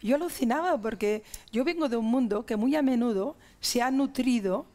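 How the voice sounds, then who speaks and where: A woman's voice: a little high, normal speed, mellow. A middle-aged woman from Spain with a Spanish accent, a guest in a TV interview, talking emphatically in long chains of ideas.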